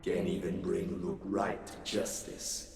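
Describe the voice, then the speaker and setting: A man's voice: low voice, completely flat delivery, measured pace, gravelly. A man voicing a contemptuous monster that jeers at a detective with mocking words in a voiced game. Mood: jeering. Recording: echoey room over loud music.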